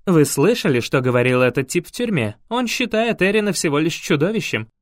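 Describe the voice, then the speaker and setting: A man's voice: fairly high pitch, animated, fairly quick, no echo, clean studio sound, close to an everyday voice. A man voicing a blunt, indignant young male friend in an audiobook.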